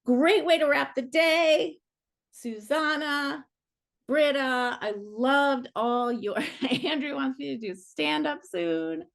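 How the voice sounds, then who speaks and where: A middle-aged woman, a coach leading an online workshop, talking in a casual, animated and playful way. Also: high-pitched, slow pace, creaky. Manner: animated and playful, many fillers like "like".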